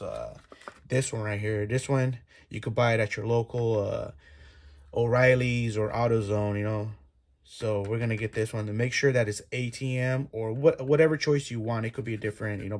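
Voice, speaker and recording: A DIY video host speaks briskly in a lowish, steady, somewhat dark voice, explaining each step casually as he works with his hands. The recording is clear, with background noise and clicks.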